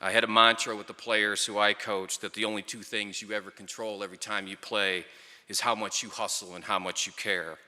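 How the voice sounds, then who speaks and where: A man's voice: on the low side, flat delivery, brisk, sharp tone. A middle-aged man giving a storytelling tribute speech at a ceremony, with wry, dry humour. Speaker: speaker at a ceremony, former player and coach. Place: large hall or venue, speaking to an audience at a microphone. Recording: echoey hall with long reverb.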